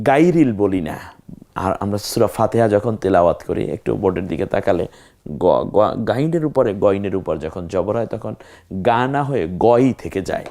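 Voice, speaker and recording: A man teaching Arabic letter pronunciation in a lesson, drawing out each sound slowly and repeating it to demonstrate. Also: on the low side, a little mellow. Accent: Bangladeshi Bengali. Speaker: Quran recitation teacher. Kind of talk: online tajweed lesson.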